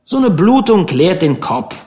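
A man playing a stern old male schooner captain with slow, moralizing, dialect-tinged speech in an audiobook. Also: high-pitched, big pitch swings, darkish tone, pitched above the performer's own voice.

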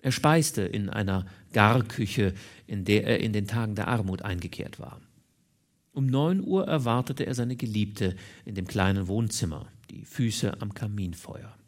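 A man narrating a classic novel as an audiobook in an expressive, dramatic manner. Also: lowish voice, measured pace. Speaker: audiobook reader.

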